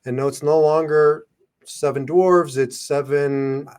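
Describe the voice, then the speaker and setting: A man's voice: on the high side, fairly even intonation, slow pace, darkish tone, smooth. A man co-hosting a podcast in casual discussion, opinionated and emphatic as he makes his points. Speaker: podcast co-host.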